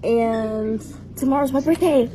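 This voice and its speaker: A woman's voice: on the high side, a little slow, slight background noise. A young woman chatting casually to her phone camera for a vlog, giggly and talkative, in a school classroom. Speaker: vlogger. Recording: loud classroom chatter behind.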